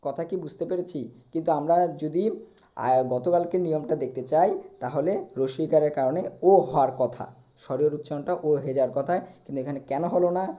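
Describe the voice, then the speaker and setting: A young man teaching a recorded class, explaining step by step and slowly repeating the key words. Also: on the high side, dark tone.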